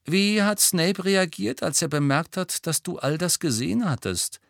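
A man voicing an earnest adult wizard mentor who speaks in a measured, firm way. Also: on the high side, lively intonation, creaky, fairly bright tone, no echo, studio quality, pitched above the performer's own voice.

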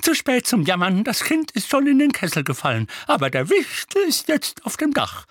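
A man reading aloud and voicing an old woman with a shrill, screeching voice, scolding and impatient. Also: wildly swooping pitch, moderate pace, husky, no echo, clean studio sound, exaggerated voice. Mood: fussy.

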